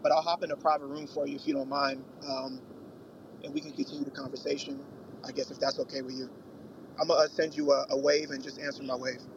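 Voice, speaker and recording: A man calling in on his phone while driving, talking politely with many fillers and pauses. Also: mid-range voice, flat delivery. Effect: phone in a moving car, road noise behind. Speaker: participant calling into an online audio room. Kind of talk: casual chat. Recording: muffled phone line with car static.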